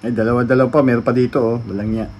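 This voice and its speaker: A man's voice: mid-range voice, flat delivery, racing, a little mellow, slight background noise. A man chatting casually through an unboxing vlog, thinking aloud and testing his mic with repeated hellos. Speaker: vlogger. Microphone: studio mic through mixer.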